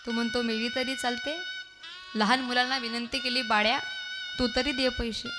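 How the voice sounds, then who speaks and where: A woman's voice: on the high side, level tone, moderate pace, over loud music. A woman kirtan preacher telling an emotional devotional story and acting out the voices in it. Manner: emotional, dramatic, acts out voices in quotes.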